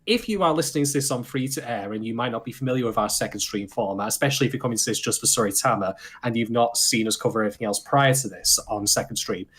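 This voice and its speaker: A man from the UK co-hosting a casual podcast chat, sarcastic and quick to swear. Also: medium pitch, a bit bright, breathy edge. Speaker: podcast co-host.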